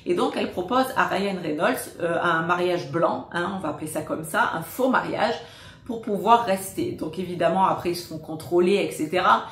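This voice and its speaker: Low-voiced woman recommending films. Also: reverberant, slight background noise. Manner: hesitant, many filler pauses, warmly enthusiastic. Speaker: film recommender. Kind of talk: casual spoken film recommendations.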